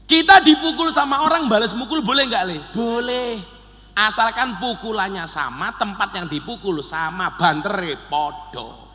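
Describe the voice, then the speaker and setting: Male preacher, Javanese accent, comic sermon, bright high voice, hall reverb. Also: unhurried. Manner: joking, animated, mixes Javanese into Indonesian, shouted takbir bursts. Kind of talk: humorous sermon.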